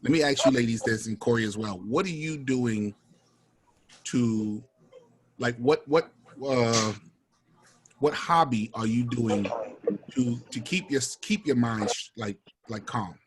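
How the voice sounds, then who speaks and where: A middle-aged man talking earnestly in a casual group chat over a video call, with halting restarts. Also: medium pitch, slight background noise.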